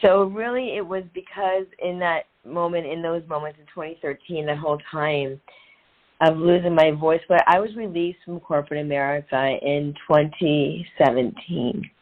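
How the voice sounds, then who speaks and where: A middle-aged woman appears as an interview guest, a transformational and women's empowerment coach, telling motivational stories earnestly and repeating phrases for emphasis. Her voice is low at a normal speed, and the recording has a narrow, phone-like sound.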